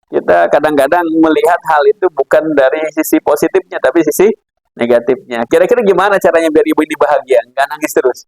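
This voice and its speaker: In a low-quality recording with no echo, an Islamic philosophy teacher delivers a relaxed religious talk built around anecdotes. He speaks fast in a darkish, somewhat high voice, laughing a lot and voicing the characters in his tales.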